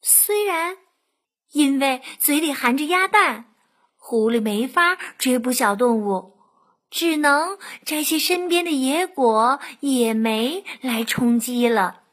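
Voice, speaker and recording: A woman narrating a children's bedtime story in a gentle, drawn-out way. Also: sits high, animated.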